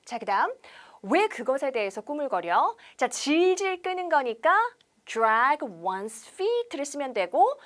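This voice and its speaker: A woman teaching English on television. She explains in Korean, asks rhetorical questions and drills example sentences slowly. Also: high-pitched. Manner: lively instructor patter with rhetorical questions.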